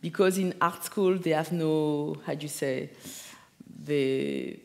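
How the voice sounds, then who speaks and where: A man's voice: fairly high pitch, slow, darkish tone. A man who teaches art, speaking hesitantly at a panel and often searching for his English words. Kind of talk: panel conversation. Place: large hall with an audience.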